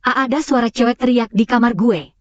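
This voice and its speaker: An actress dubbing a young female secretary in a drama series, answering back in a sharp, sulky way. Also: on the high side, fairly quick, dry recording, lo-fi sound, natural voice. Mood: worried. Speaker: dub actor. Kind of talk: Indonesian dub of a drama series.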